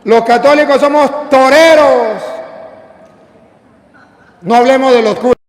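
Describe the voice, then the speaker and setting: Venezuelan priest giving a sermon, high voice, jokey, acts out voices, echoey church. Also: male voice, a little slow. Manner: playful preacher acting out voices and stories. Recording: echoey hall with long reverb.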